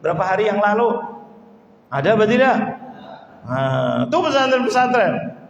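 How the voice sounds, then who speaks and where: A man's voice: sits high, very animated, normal speed, creaky, muffled recording, a little hiss or hum. A man preaching, asking rhetorical questions and chanting prayers. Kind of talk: mosque study sermon and prayer. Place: large mosque hall. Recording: echoey hall with long reverb.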